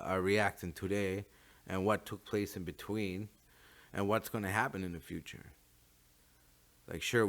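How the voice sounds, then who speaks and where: Low-voiced man, First Nations Canadian accent. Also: fairly bright tone. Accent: First Nations Canadian English. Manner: informal, halting, repeats words as he thinks aloud. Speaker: talk show host. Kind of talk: unscripted opinion monologue.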